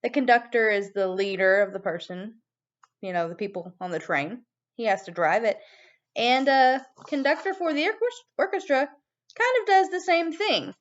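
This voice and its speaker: High-voiced woman teaching young children. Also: moderate pace, highs cut off. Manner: animated, prompting children with questions. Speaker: elementary music teacher. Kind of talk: children's video lesson.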